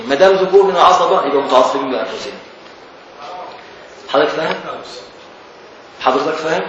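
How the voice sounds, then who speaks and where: An Egyptian man teaching Islamic law texts gives a classroom commentary in a fairly high voice with an Egyptian Arabic accent, questioning and teasing his students as he explains. The lo-fi recording comes from a distant mic in a very echoey lecture room, with a faint hiss.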